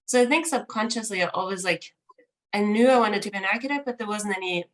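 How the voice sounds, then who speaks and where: A woman's voice: mid-range voice, quick pace, low-quality recording. A woman in her thirties from Austria, speaking as an architect in a conversational interview. She tells her story with animation and leans on "like" and "um". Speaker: architect, studio co-founder.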